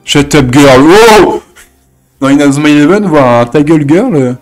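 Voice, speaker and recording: A man doing casual reaction commentary, excitable and jokey, laughing often. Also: a little high, normal speed, soft background music. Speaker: reaction youtuber.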